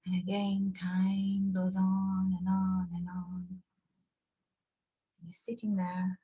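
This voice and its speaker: The audio is dull, and the woman's mid-range voice is mellow and monotone. Over a video call, she leads a guided relaxation and visualization, offering soothing instructions slowly and with pauses.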